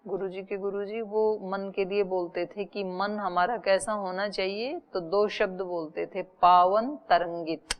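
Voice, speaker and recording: A woman spiritual teacher gives a discourse on an Upanishad. She explains slowly and patiently, using everyday examples. She keeps asking rhetorical questions and then answers them herself. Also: medium pitch.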